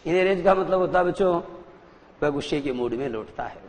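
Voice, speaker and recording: A man teaches a class in a fairly high voice. He explains slowly and says key points twice. His voice rings with a long reverb, as in a broadcast studio. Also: animated. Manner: explains slowly, repeats points, calls pupils "children". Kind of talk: classroom lecture.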